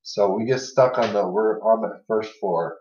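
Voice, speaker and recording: A man's voice: on the low side, unhurried, a little mellow. A young man casually telling funny stories on a podcast, rambling with lots of fillers and laughing through them. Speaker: podcast co-host. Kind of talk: casual storytelling chat. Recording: roomy, distant, dull lo-fi sound.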